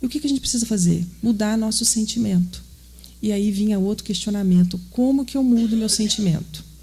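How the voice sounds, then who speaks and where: A woman's voice: medium pitch, a little fast, mellow, breathy edge. A woman from Brazil with a Minas Gerais accent, giving an earnest, conversational spiritist lecture that often puts questions to the audience. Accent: Brazilian Portuguese, Minas Gerais. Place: spiritist center hall.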